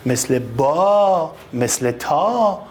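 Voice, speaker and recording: A man gives a reading lesson to young children, drawing out each letter sound and repeating it again and again. His voice sits a little high and leaps up sharply when he calls out to the class. A faint hiss runs under the recording. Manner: calls out to children with sudden high, lively bursts. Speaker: first-grade teacher.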